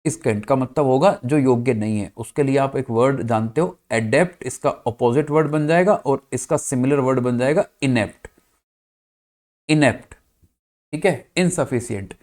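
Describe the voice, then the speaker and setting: A male English teacher from India runs a vocabulary class, mixing Hindi explanation with English words spoken in an Indian accent. His voice sits at an ordinary middle pitch, and he keeps asking his students whether they've got it. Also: moderate pace, darkish tone. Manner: addresses students as "bachcha party", checks "clear?"; spells words out letter by letter.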